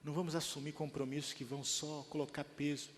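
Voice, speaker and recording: High-voiced Brazilian pastor preaching. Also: male voice, quick pace, in a large hall, slight background noise. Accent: Brazilian Portuguese. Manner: rising to emphatic, animated preaching. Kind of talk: sermon. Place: church hall.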